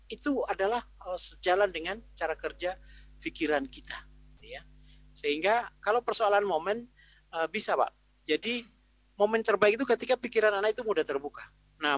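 A man explains parenting ideas in a relaxed, conversational way and slips into the voices of parents and teachers as examples. His voice sits fairly high for a man. It is recorded dry and close over a video call microphone. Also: no room sound, low-quality recording. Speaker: Islamic parenting speaker. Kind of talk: webinar talk answering a question.

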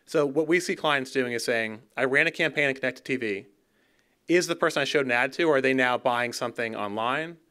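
A man's voice: mid-range voice, pushed and bright, smooth. A man in his thirties giving a conversational conference keynote from a stage podium, sometimes repeating words as he restarts a phrase. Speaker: keynote speaker. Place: dark auditorium stage. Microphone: podium gooseneck mic.

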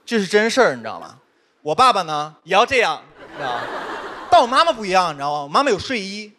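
Fast, high-voiced young man doing stand-up. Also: a little hiss or hum. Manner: quick, lively, self-mocking storytelling with frequent asides to the audience. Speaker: stand-up comedian. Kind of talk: stand-up set on a competition stage. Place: studio stage before a live audience. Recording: live stage mic with audience laughter. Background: audience laughter.

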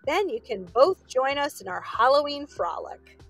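A woman's voice: high-pitched, very animated, normal speed, dry recording, faint music behind, pitched above the performer's own voice, rough recording. A woman voicing a jolly male pumpkin who talks in a coaxing, winning way. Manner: persuasive, winning tone.

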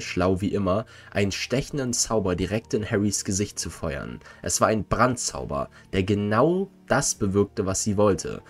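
A man narrating a scripted lore video in a measured, analytical way. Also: fairly low pitch. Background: faint music.

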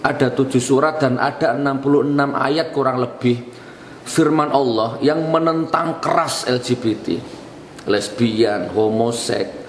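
A man's voice: medium pitch, measured pace, slight background noise. A male preacher, giving a fiery, mocking sermon that rises into outbursts. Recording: echoey hall with faint ambience.

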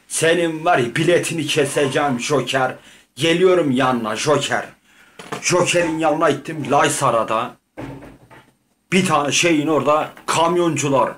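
A man's voice: medium pitch, a bit bright. A man rambling through a comic, improvised account of his game, swearing often and acting out the lines of others. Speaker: gamer.

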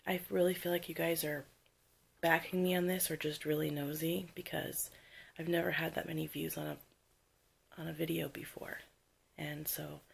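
A woman in her thirties talking to viewers in a weary, halting, half-whispered voice, subdued and upset as after crying. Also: fairly low pitch, gravelly, a little hiss or hum. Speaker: vlogger. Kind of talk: confessional vlog, talking to viewers. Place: small room at home, indoors.

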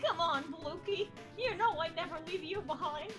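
A woman's voice: very high-pitched, normal speed. A woman streaming a game who chats playfully and reads the game's dialogue in silly put-on voices. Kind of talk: casual game stream chat. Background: game music.

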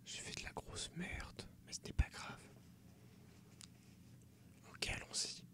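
A young man whispering ASMR game commentary softly and close, right in the listener's ear. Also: slow. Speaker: game streamer. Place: small room at home, indoors.

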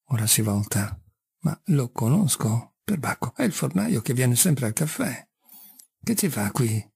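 A man's voice: medium pitch, creaky, a little mellow, husky, dry recording, clean studio sound. A man giving a dramatic reading of an interior monologue, agitated, swinging between sudden exclamations and muttered asides. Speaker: audiobook reader.

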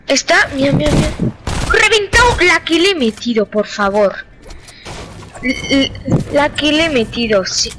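A woman with a Spain Spanish accent chatting with teammates during a game, with excited bursts of callouts. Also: sits high, unhurried, pauses often, noisy background. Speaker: gamer. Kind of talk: casual gaming chat with teammates. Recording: game sounds and clicks behind the voice.

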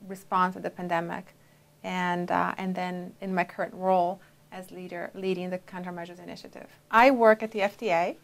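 A Brazilian-born woman in her forties, an FDA official, answers interview questions in a measured, creaky, medium-pitched voice with frequent pauses and fillers. She's recorded on a lapel mic in a dark studio.

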